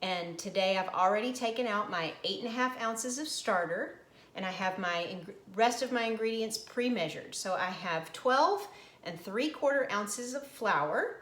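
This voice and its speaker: A middle-aged woman hosts her own cooking channel from her home kitchen, chatting casually as she demonstrates each step. Her mid-range voice is animated and fairly bright, at a moderate pace, in an echoey room.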